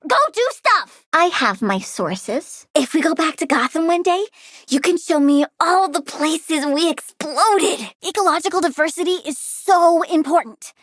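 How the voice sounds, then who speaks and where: This woman's high-pitched, expressive voice is a bit bright, delivered at a measured pace with no echo. She performs video game voice lines as a childlike villain girl who controls plants: perky, precocious, sassy, eager and cheerfully menacing.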